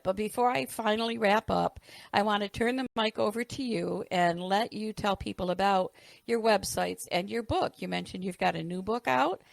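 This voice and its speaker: A woman's voice: medium pitch, gravelly, no room sound. A woman hosting an interview podcast, affirming her guest and steering the conversation. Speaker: podcast host.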